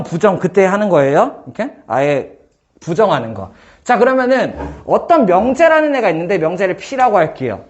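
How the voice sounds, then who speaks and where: A man teaching math in a casual one-on-one lesson, firing quick questions at his student and joking. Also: high voice, muffled recording. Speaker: math tutor.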